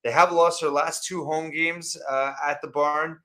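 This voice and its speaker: A man hosting a sports preview, talking off the cuff through stats in a halting way. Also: on the high side, fairly even intonation, bright, forceful tone. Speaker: sports podcast host.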